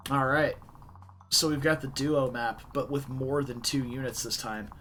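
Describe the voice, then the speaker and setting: A man's voice: medium pitch, fairly even intonation, measured pace, fairly bright tone, faint music behind. A man giving casual let's play commentary, thinking aloud about strategy and speaking to viewers. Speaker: gamer.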